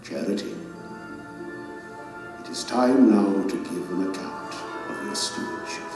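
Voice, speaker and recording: A man playing a majestic, benevolent king in an audio drama, speaking in solemn, measured, regal pronouncements. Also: low voice. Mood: solemn, tender. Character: majestic benevolent king judging his subjects. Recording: cavernous echoing hall, music behind.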